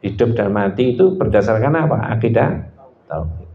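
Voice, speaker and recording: A man with a Surabaya accent preaching a sermon, animated, quizzing his listeners with questions. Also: on the low side, moderate pace. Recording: echoey lo-fi hall.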